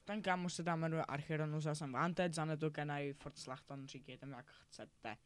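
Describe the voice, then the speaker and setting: A man's voice: a little high, steady tone. Chatty teenage boy gaming commentary. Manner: rambling, self-correcting, chatty. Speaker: gaming YouTuber. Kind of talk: casual gameplay commentary.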